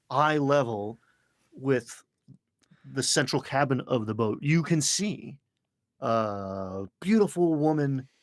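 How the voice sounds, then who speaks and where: A man narrating as game master, describing the scene in an unhurried, rambling way. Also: mid-range voice, no echo.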